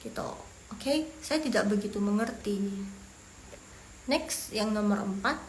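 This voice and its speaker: A woman teaching beginner Mandarin in a casual, chatty way, repeating phrases slowly for learners. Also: mid-range voice, echoey room, a little hiss or hum. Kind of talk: casual language lesson.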